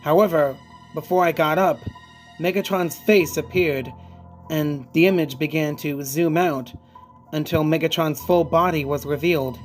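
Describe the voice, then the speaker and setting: A man's voice: on the high side, fairly even intonation, normal speed. A man reading a scripted creepypasta as narrator, with music playing behind him. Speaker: horror story narrator. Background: background music.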